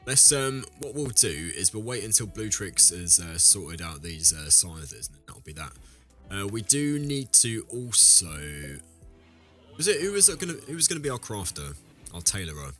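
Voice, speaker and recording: A man talks casually over a game while ill, his very deep voice still cutting through with a bright, forceful edge. He rambles and corrects himself mid-sentence, often turning to address viewers. Faint music plays behind him. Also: big pitch swings, normal speed. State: ill, deeper voice than usual. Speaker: let's play host. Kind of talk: casual gameplay commentary.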